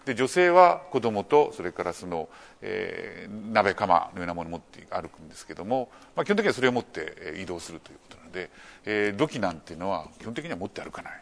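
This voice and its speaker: A man giving a public lecture, explaining in a measured way with many fillers and rhetorical questions to the audience. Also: low voice, sing-song, creaky. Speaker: lecturer on archaeology.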